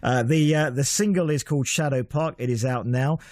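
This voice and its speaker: A man's voice: mid-range voice, moderate pace, a little mellow. Guy hosting a radio show in the studio, chatty, jokey, pokes fun at himself. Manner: chatty, jokey, self-deprecating. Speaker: radio host. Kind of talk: casual radio interview.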